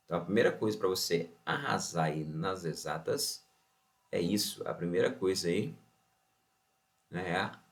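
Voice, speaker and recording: Brazilian male teacher, online lesson, fairly low pitch, animated, asks and answers his own questions. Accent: Brazilian Portuguese. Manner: opens with a Bible verse and blessing. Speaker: math and science teacher.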